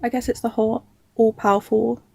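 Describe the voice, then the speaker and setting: A woman's voice: on the high side, flat delivery, fairly quick, vocal fry, warm tone, slightly rough, no echo, rough recording. A woman from England asking hesitant, thoughtful questions in a casual conversation about faith. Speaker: passerby questioned in debate.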